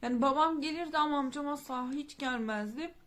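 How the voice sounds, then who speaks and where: A woman's voice: high voice, a little fast, a bit bright. A woman in a vlog recounting a family death, grieving and rambling, with frequent restarts and fillers. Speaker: vlogger. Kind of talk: emotional personal storytelling.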